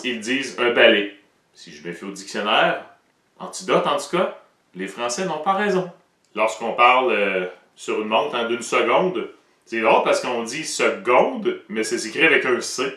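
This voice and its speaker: A man's voice: medium pitch, bright, forceful tone, echoey room, distant mic. A man with a Québécois French accent, explaining pronunciation in a playful, joking way as the presenter of an educational show.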